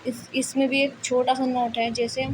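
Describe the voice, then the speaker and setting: Young female teacher, slightly high voice, patient and repetitive, quizzes the viewer; faint background noise. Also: flat delivery, rough recording. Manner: slow and patient, repeats and quizzes the listener. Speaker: English teacher. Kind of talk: spoken Hindi lesson on English spelling.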